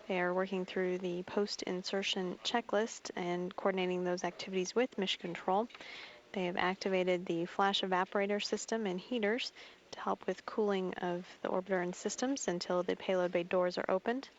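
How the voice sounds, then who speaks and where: A woman giving measured, formal live spaceflight commentary as a mission control announcer. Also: on the low side, steady tone. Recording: dull broadcast audio with faint noise.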